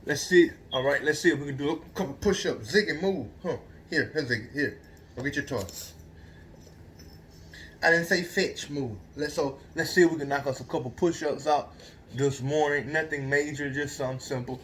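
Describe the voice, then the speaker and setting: A man's voice: a little high, normal speed, a bit bright, slight background noise. An American man chatting casually to his child and dog at home, coaxing repeatedly in an exasperated way. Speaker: parent filming a home video. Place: indoors at home.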